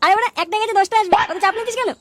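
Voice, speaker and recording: A woman's voice: extremely high pitch, racing, background noise. A woman voicing a foul-mouthed idle village boy, who swears constantly and coaxes his friend in a cocky way. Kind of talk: cartoon comedy voice acting.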